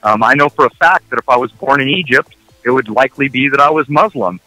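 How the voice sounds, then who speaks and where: A man from the United States, a guest on a radio interview, measured and argumentative with rhetorical questions. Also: mid-range voice, sharp tone, dry recording, faint music behind, rough recording.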